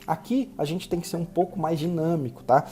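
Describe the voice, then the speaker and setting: A man from Brazil who talks fast, hosting a solo podcast and coaching the listener directly. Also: fairly high pitch, warm tone. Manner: fast-talking, instructive, addresses listener directly. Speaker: podcast host.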